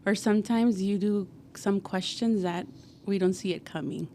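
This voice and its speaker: On a relaxed podcast interview, a woman in her forties from Guatemala who founded a cleaning company shares her story. She talks at a moderate pace in a mid-range, dark voice with fairly even intonation, sprinkling in fillers like "like" and "you know." A faint hiss or hum can be heard.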